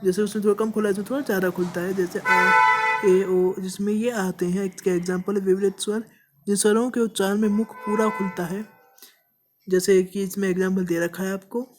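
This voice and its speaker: A woman's voice: mid-range voice, steady tone, fairly quick, music in the background. A woman teaching a grammar lesson, explaining step by step, often checking in with "okay" and drawing out vowel sounds as examples. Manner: repeats points with frequent "ठीक है" checks.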